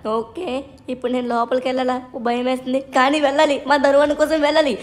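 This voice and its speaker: A high, childlike voice of a timid little boy, as a woman acts him out, pleading and anxious as he chatters on in a game machinima story. The pitch sits well up in the register. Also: little pitch movement, quick pace, lightly acted. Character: small frightened boy begging for help.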